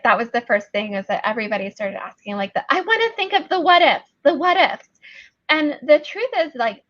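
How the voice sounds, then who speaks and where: A woman's voice: mid-range voice, dry recording, dull audio. A woman speaking as a guest in a webinar conversation, telling stories chattily and often saying "like", over a video call. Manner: chatty storytelling with frequent "like" fillers. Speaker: guest speaker on sourcing teams.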